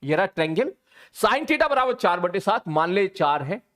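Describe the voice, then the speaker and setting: A man's voice: high voice, big pitch swings, moderate pace, fairly bright tone. A man teaching a live online physics class, chatty and teasing, talking to his students informally.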